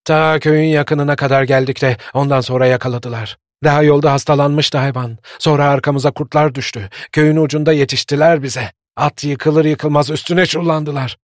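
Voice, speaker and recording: A man's voice: on the high side, steady tone, normal speed, few pauses, dry recording, clean studio sound, pitched above the performer's own voice, natural voice. A man voicing an exhausted young village teacher, out of breath and urgent. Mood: shaken.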